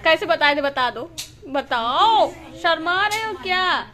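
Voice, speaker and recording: Very high-voiced woman coaxing children. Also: animated, takes it slowly, sharp tone. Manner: coaxing, playful questioning. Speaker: home tutor. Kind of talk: teaching young children at home.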